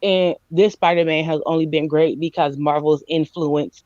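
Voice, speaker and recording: An excitable woman chatting on a movie review podcast. Her voice comes through muffled and lo-fi. The sound is dry and close, with no room around it. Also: sits low, moderate pace, no echo. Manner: excitable, acts out scenes with squealing quoted voices. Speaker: podcast co-host. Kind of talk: casual movie review chat.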